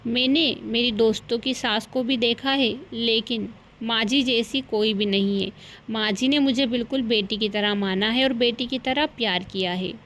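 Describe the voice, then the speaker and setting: A woman's voice: a little high, moderate pace, a bit bright, slight background noise, lightly acted. Woman voicing polite sensible young bride. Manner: polite, respectful.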